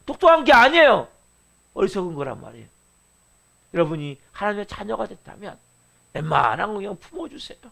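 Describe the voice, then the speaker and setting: A man's voice: high voice, very animated, brisk, vocal fry, pauses often, pushed and bright. A middle-aged man preaching a dawn service sermon, emphatic and full of rhetorical questions to the congregation. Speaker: pastor.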